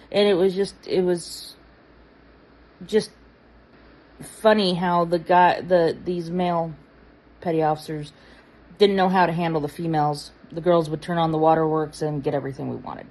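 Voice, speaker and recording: A woman's voice: on the low side, steady tone, normal speed, a little mellow, rough recording. A woman guest telling a personal anecdote in a chatty way, full of fillers and asides. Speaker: guest recalling her past. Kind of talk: casual anecdote.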